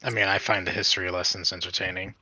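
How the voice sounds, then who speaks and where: A man's voice: sits low, little pitch movement, fast talker, bright, forceful tone, husky, no room sound, poor audio. A man playing a tabletop game, talking in a wry, teasing way. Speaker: player. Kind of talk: casual in-character chat.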